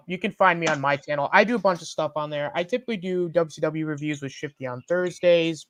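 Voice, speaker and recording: A young man with a clear, crisp voice, set a little high. He speaks casually as a panelist, recorded dry without room sound. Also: a bit bright, no echo. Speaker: panelist, online creator. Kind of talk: casual self-introduction.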